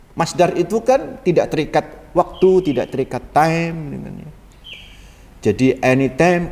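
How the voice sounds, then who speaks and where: Animated preacher in a hall. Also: male voice, medium pitch. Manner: animated, acts out short dialogues with laughter. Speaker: Islamic preacher. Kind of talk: religious study lecture. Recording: long reverb of a hall.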